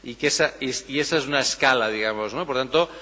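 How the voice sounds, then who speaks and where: A man's voice: medium pitch, fast talker, sharp tone. Man musing in an echoey hall. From Catalonia, Spain. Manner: thoughtful, tags phrases with "¿no?", frequent restarts. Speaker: political science professor, conference speaker. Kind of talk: conference Q&A answer. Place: conference hall. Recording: reverberant conference hall.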